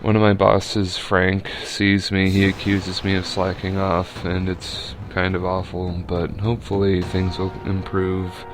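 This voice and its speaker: A man's voice: deep voice, monotone, unhurried, few pauses, background noise. A young man giving casual, rambling commentary over a video game battle, with lots of fillers and restarts.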